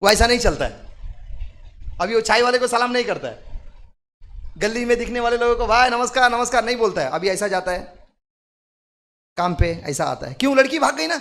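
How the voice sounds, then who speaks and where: A man preaching a sermon at a night prayer meeting, repeating phrases and swinging from quiet murmurs to loud shouts as he calls out to the congregation. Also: extremely high pitch, sing-song, brisk, gravelly, long pauses. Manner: repetitive, call-and-response with the congregation. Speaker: pastor. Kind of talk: Hindi sermon.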